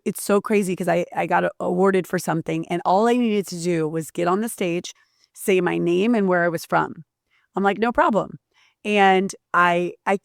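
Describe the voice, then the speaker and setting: A woman hosts an interview and tells her own story with animated energy, often restarting her sentences. Her voice sits low and has a gravelly texture. The sound is dry and close. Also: no echo. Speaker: podcast host. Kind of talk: casual interview chat.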